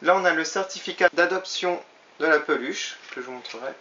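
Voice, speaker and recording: Male toy reviewer, fairly high voice, chatty and hesitant, muffled lo-fi camera mic. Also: a little fast, sharp tone, slight background noise. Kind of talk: casual product review. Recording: slightly dull lo-fi recording.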